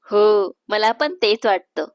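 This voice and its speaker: A woman doing a shy, hushed elder sister. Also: mid-range voice, expressive, slow, dry recording, studio quality. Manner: hushed, bashful, cautious.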